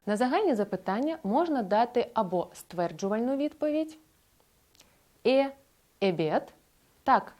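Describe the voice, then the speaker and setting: A woman narrating a scripted language lesson, explaining grammar clearly and slowing down to model example phrases. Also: medium pitch, a little mellow. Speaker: language teacher.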